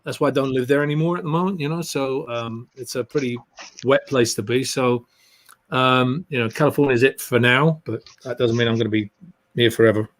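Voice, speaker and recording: A man with an English accent, a guest actor telling stories in a relaxed interview, rambling and filling his talk with "you know". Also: medium pitch, a little fast. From England.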